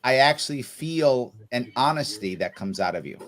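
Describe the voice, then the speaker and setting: A man's voice: medium pitch, expressive, normal speed, fairly bright tone. A man guesting on a podcast, speaking earnestly and reassuringly in casual chat.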